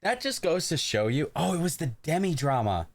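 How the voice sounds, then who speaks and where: A man's voice: a little high, big pitch swings, normal speed. A man streaming his reaction to a video, talking casually in a profane, emphatic, rambling way. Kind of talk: casual live reaction commentary.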